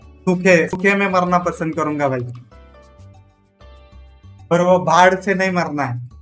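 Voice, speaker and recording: Male streamer, slightly high pitch, rambling jokey chat, faint music underneath. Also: measured pace, fairly bright tone. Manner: joking, rambling, reads out donations. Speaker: live streamer. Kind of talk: casual live-stream chat.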